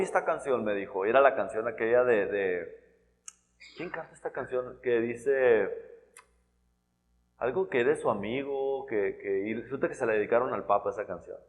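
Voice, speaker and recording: A man's voice: fairly low pitch, moderate pace. A man preaching a sermon in an earnest, conversational way, often restarting and checking in with "¿verdad?". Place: church hall. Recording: long church-hall reverb.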